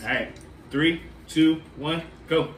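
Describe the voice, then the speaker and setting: A man hosts a candy challenge in a slightly high, somewhat bright voice, keeping a steady tone and slow pace as he casually explains the rules and counts down. He addresses the group as "y'all" and "guys." The recording picks up an echoey room, background noise, and a far-off mic.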